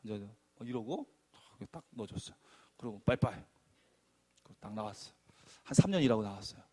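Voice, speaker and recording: A man preaching a sermon testimony, telling his story in an animated, emphatic way and acting out arguments. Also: on the low side, a little fast, slightly rough.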